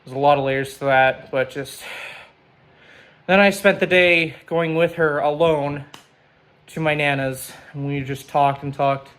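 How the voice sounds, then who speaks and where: A man's voice: on the high side, steady tone, unhurried, fairly bright tone. A young man talking candidly in a casual vlog, rambling and swearing now and then. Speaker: vlogger.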